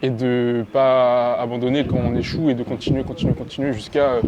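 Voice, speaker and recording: A man's voice: medium pitch, flat delivery, fairly quick, background noise. A man interviewing a young rapper, asking long, rambling questions and often repeating the guest's words back to him.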